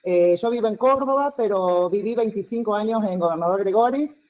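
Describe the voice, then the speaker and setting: A woman's voice: medium pitch, brisk, lo-fi sound. A woman, a former teacher, introducing herself in a friendly way on a video call. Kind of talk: casual self-introduction.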